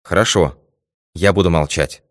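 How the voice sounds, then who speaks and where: A puzzled, careful army doctor speaks earnestly, as a man reads him aloud. The voice is low and deep. The sound is dry and close. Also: moderate pace, no echo.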